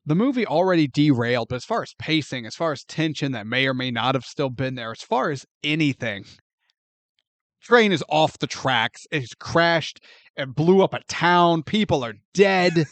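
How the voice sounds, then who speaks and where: A man co-hosting a movie podcast, retelling a plot with mounting disbelief and plenty of swearing. His voice sits fairly high. The sound is dry and close, with no room around it. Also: moderate pace, no echo. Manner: animated, profane, incredulous plot recap. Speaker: podcast co-host. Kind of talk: casual movie review chat.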